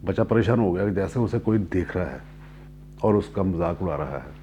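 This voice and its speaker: A man tells a motivational story unhurriedly, repeating and rephrasing lines and clearing his throat now and then. His voice is low, expressive and dark, with slight background noise.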